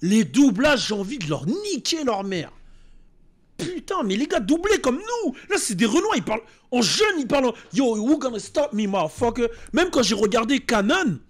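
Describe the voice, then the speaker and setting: A man with a high voice rants in a loose, casual way as he reacts on stream. He swears freely, breaks into mimicked voices, and keeps the energy up throughout. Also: big pitch swings, normal speed. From France.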